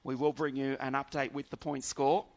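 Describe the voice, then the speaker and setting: A man's voice: medium pitch, flat delivery, normal speed, a little mellow. A man doing live motorsport commentary as lead commentator, enthusiastic and chatty, laughing easily.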